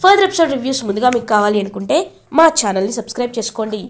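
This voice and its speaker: A woman narrating a serial episode recap in brisk storytelling, with frequent fillers. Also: a little high, big pitch swings. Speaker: channel narrator.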